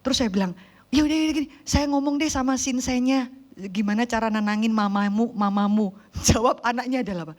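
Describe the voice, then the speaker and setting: A woman's voice: on the high side, quick pace. A woman preacher, telling stories animatedly in a sermon and acting out the people in them. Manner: animated storytelling, acts out quoted voices.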